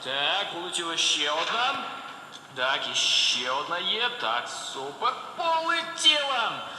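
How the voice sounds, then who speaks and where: High-voiced man narrating his gameplay excitedly. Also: measured pace, reverberant, long reverb tail, a little hiss or hum. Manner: excited, talks to himself while playing, repeats short words. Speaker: gamer playing a war game. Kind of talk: live gameplay commentary.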